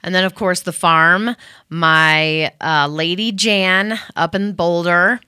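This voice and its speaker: A woman's voice: fairly low pitch, fairly even intonation, slow pace, sharp tone, clean tone, no room sound, clean studio sound. A woman radio host thanking her sponsors in a loose, rambling chat full of fillers and restarts. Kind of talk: casual thank-you to sponsors.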